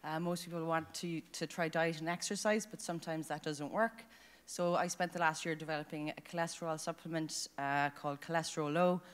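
A woman in her thirties giving an unscripted product pitch on stage. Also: steady tone, fairly quick. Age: 30s. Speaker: doctor and entrepreneur. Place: large conference stage, indoors. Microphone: handheld microphone.

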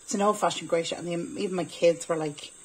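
A woman's voice: on the low side, fairly even intonation, fast talker, a little mellow, breathy edge, rough recording. A woman in her forties with an Irish accent, chatting casually as she cooks and explains each step in her home kitchen. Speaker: home cooking vlogger. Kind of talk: casual cook-along talk. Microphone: camera on the worktop.

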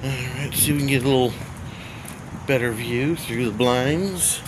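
A man in his forties vlogs about abandoned places, filming on a handheld phone around an empty building outdoors and later in a car. His mid-range voice moves at a moderate pace over a noisy background, full of chatty, wry asides to the viewer.

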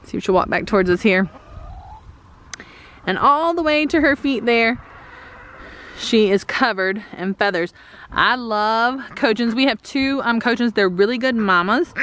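Outdoors with her camera held at arm's length, a woman in her thirties gives a casual farm tour as a homesteader vlogger. She speaks in a medium-pitched voice, chatty and explanatory, with plenty of "um"s, and background noise can be heard.

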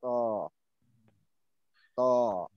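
A man in a lesson repeating letters slowly after his teacher. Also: mid-range voice, clear, resonant tone, no echo. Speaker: student. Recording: dry, slightly dull call audio.

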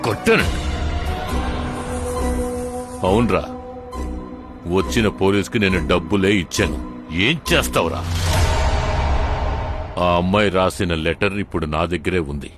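An actor playing a deep-voiced crooked college chairman. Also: fast, few pauses, lightly acted. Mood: menacing. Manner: haughty, turns threatening and abusive. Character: arrogant male college chairman, menacing and crooked. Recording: film soundtrack with loud music.

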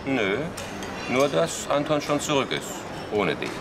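A man's voice: medium pitch, sing-song, measured pace, over loud music. An actor in his thirties playing a friendly, teasing colleague in a TV drama, talking in an easygoing way. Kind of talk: TV series acting. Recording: clear background noise.

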